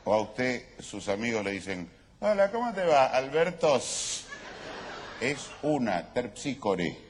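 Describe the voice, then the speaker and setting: An actor playing a smug, pedantic scholar in a live comedy sketch, lecturing about pronunciation. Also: male voice, mid-range voice, very animated. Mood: pompous. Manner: pompous, lecturing, drawn-out pronunciation. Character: pedantic learned male scholar, smug and fussy. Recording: live show with background noise.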